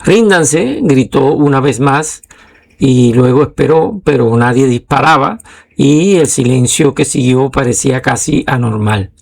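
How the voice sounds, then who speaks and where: A man narrating a history documentary in a measured, steady way. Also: mid-range voice, gravelly.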